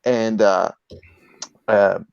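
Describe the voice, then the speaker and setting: A man's voice: lowish voice, steady tone, extremely slow, vocal fry, darkish tone, smooth, no room sound. A man as an interview guest, telling anecdotes in a casual, earnest way and often searching for his words. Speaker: interview guest, video creator. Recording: dull, dry lo-fi sound.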